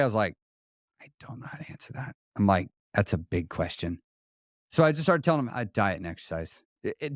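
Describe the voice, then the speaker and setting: Male guest, coaching background; lively swooping delivery, dry close sound, replays conversations in character. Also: mid-range voice, no room sound. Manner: animated, acts out quoted dialogue, frequent restarts. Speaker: weight loss coach, podcast guest. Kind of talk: conversational interview storytelling.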